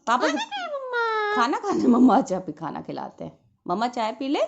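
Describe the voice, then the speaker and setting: A woman's voice: on the high side, huge pitch swings, normal speed, gravelly, dull audio, noisy background. A woman coaxing her pet parrot in doting baby talk. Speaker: pet owner.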